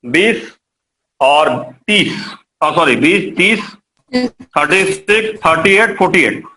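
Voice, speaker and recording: Male teacher, high voice, live classroom lecture, repeats and quizzes students. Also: animated, slow pace, pushed and bright, a little hiss or hum, poor audio. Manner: repetitive, coaxing, quizzes students. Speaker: chemistry teacher.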